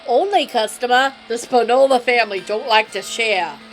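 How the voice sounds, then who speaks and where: A woman's voice: a little high, normal speed, faint music behind, close to an everyday voice, low-quality recording. A woman voicing a sleazy, swaggering middle-aged male mobster with a put-on New Jersey accent, reading game dialogue on a live stream. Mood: explaining. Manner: brash, teasing mob-guy drawl.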